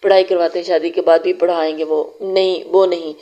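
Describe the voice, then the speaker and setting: A woman's voice: fairly low pitch, little pitch movement, fairly quick, warm tone, close to an everyday voice. A woman voicing a stubborn, dreamy young woman. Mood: stubborn whiny. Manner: stubborn, whiny.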